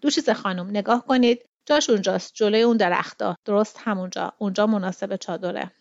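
A woman's voice: mid-range voice, gravelly, no room sound, natural voice. Woman reading a laid-back tall freckled workman, storybook, dry close sound, a bit muffled. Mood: easygoing. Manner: relaxed, casual, friendly. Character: tall lanky freckled male workman, easygoing.

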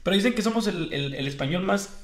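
A man's voice: high-pitched, expressive, fast, fairly bright tone, reverberant. A man with a Mexican accent from Guadalajara, co-hosting a podcast in casual, rambling chat. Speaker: podcast co-host and teacher.

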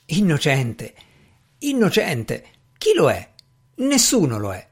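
A man's voice: fairly high pitch, huge pitch swings, slow pace, breathy edge, full character voice. A man voicing a bitter proud lady. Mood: incredulous. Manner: cutting, scornful. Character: grieving bitter society lady, proud and sharp-tongued.

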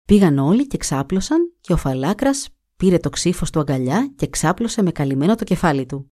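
A woman narrating a folk tale in a steady, even storytelling manner on a close mic. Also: on the low side, no echo.

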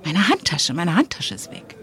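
A woman's voice: lowish voice, huge pitch swings, normal speed, a bit bright. A woman voicing a frightened young German tourist who stammers and sounds flustered. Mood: frantic.

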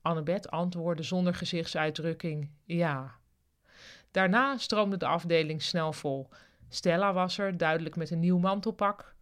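Calm podcast reader narrating a novel. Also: mid-range voice, moderate pace. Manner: calm, plain storytelling. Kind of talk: reading a novel chapter aloud. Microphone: studio microphone.

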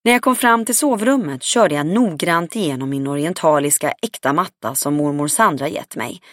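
A woman's voice: low voice, expressive, dry recording, clean studio sound. Woman reading a first-person audiobook. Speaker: audiobook narrator. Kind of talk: scripted first-person narration.

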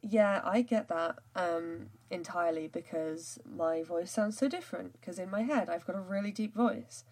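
A woman's voice: lowish voice, normal speed, few pauses, darkish tone. A woman co-hosting a podcast in casual chat, laid-back and wry. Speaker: podcast co-host.

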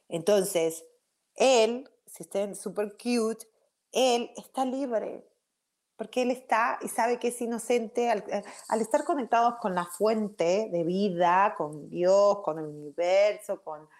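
A woman giving a casual motivational talk, lively and expressive, mixing in English words. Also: fairly low pitch. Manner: lively, acts out feelings, mixes in English words. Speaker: spiritual speaker.

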